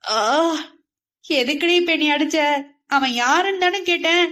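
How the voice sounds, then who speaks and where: A woman's voice: very high voice, measured pace, pushed and bright, voice pushed up, heavily acted. A woman voicing a young male college friend who teases and scolds bluntly. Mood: teasing. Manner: teasing, scolding banter.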